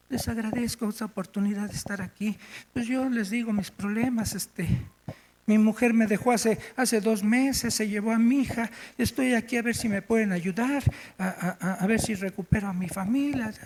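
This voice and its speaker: Timid, whimpering young man, as a preacher puts him on, soft and halting. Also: sits high, low-quality recording. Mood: meek. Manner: meek, hesitant, soft.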